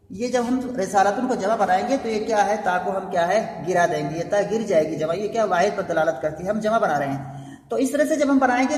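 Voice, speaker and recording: A man teaching a blackboard grammar lesson, patiently repeating each step and asking rhetorical questions as he goes. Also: extremely high pitch. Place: classroom with a blackboard. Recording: echoey room with long reverb.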